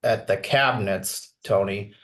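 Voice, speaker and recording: Technical staffer: lowish man's voice, matter-of-fact, explains details plainly in a meeting. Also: a little slow, fairly bright tone. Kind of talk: committee meeting discussion. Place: town committee meeting room.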